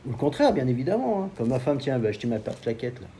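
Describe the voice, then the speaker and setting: Crude, joking man with a mellow voice. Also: mid-range voice, very animated, very fast, a little hiss or hum. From France. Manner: crude, joking anecdotes with frequent swearing. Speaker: knife seller. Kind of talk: casual storytelling vlog. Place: at home by a pool.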